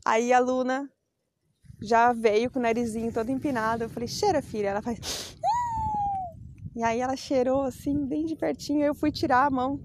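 A woman's voice: sits high, fairly even intonation, a little fast, slight background noise. A woman chatting to her phone on a bike ride outdoors, telling a story about her day in a chatty, confiding way. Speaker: podcast host. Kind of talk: casual outdoor vlog monologue.

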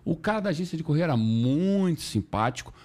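A man's voice: a little high, brisk. A man telling stories in a casual podcast chat, full of slang and swearing, acting out quoted voices. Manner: animated storytelling with slang and swearing.

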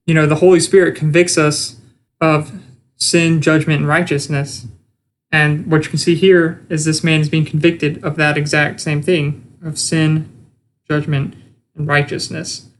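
A man's voice: a little high, flat delivery, unhurried, a little hiss or hum. A young man giving an informal Bible teaching, earnest and conversational, with frequent restarts. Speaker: preacher.

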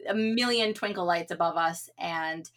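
A woman's voice: on the low side, moderate pace, fairly bright tone. A young woman from New England, chatting casually and often saying "like.". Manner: chatty, full of "like" and laughs. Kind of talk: casual chat.

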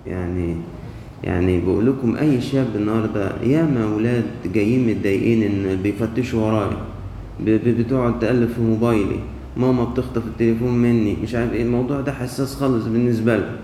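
A low, mellow-voiced man with an Egyptian accent preaches in a relaxed, storytelling way, often asking a question and then answering it. His voice rings through a large church with a long, echoey tail. Faint room ambience sits underneath. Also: quick pace, a little hiss or hum. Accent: Egyptian Arabic. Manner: storytelling, asks rhetorical questions and answers them. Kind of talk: conversational sermon. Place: large church during a service.

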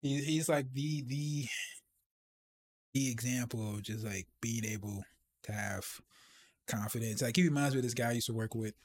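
A man co-hosting a podcast in casual chat, relaxed and rambling, laughing often. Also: mid-range voice, moderate pace, long pauses. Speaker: podcast co-host.

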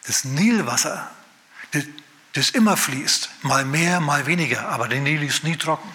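A male pastor preaching with a bright, forceful, fairly high voice. He tells his story in a lively way and briefly acts out what people say. His voice carries a long reverb, as in a church hall. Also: moderate pace. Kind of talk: sermon.

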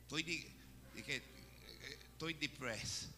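A man's voice: mid-range voice, slow, sharp tone, voice pushed down. A man doing a mopey depressed churchgoer.

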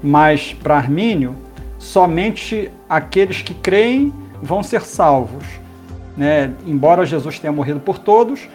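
Measured man explaining doctrine. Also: on the high side, darkish tone. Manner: explanatory, measured, with many fillers. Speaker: pastor. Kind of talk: teaching in a podcast conversation.

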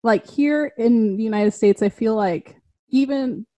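Heartfelt woman with a mellow voice. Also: on the high side, measured pace. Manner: heartfelt, earnest, says "like" often. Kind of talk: casual conversation.

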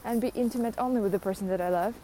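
A woman's voice: medium pitch, very fast, warm tone, slight background noise. A young adult woman hosting a podcast, rambling through a casual solo rant, mocking herself and laughing often. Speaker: podcast host.

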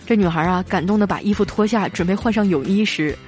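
A woman hosting a comedy show, reading out listener jokes in a lively storytelling way and chuckling through the punchlines. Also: mid-range voice, fast, faint music behind. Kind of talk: comic storytelling.

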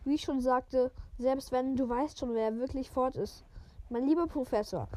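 A woman's voice: high-pitched, moderate pace, warm tone, lightly acted. A woman reading the lines of a stern, irritable elderly witch professor in her own voice, stumbling over words now and then. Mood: irritated.

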